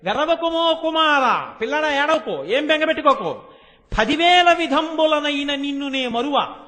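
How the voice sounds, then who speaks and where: Give me a slow, soothing mother goddess, voiced by a man preaching in a reverberant hall. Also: very high-pitched, animated, bright, forceful tone, exaggerated voice. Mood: reassuring. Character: comforting divine mother goddess, female.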